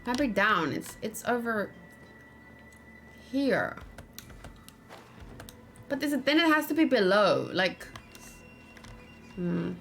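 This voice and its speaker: Speaking slowly with frequent pauses, this woman has a voice on the high side, with big pitch swings, a gravelly texture and a slightly bright tone. She hosts a gaming livestream, offering casual, fragmentary musings as she plays, while soft music, faint noise and keyboard typing sound in the background.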